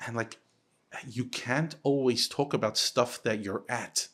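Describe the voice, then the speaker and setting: A man from the United States who works as a rabbi, talking as a guest on a podcast. He speaks in an animated, unscripted way, often restarting his sentences and repeating words. His pitch sits in a plain middle range. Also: measured pace. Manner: animated, lifts his pitch sharply when quoting others. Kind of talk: casual podcast conversation.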